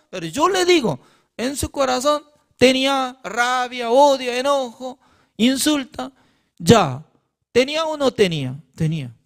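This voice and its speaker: A man teaching a Bible class who reads scripture aloud, explains it phrase by phrase, and asks his listeners questions that he answers himself. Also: extremely high pitch.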